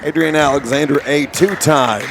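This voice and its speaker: A man with a hoarse, sore throat calling a live wrestling match and hyping up the people around him. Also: on the high side, moderate pace, crowd noise. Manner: hype, announcer-style introductions. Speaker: wrestling commentator. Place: commentary desk at an indoor wrestling show in an education center. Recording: heavy background noise at a live show.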